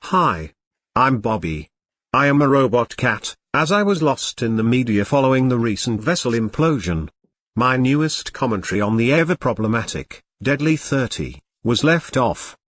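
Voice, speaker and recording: A man's voice: medium pitch, a bit bright, no echo. Sardonic synthetic robot male narrator. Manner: sardonic, mocking commentary. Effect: synthetic robot text-to-speech voice. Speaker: drama commentary narrator. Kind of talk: scripted commentary narration.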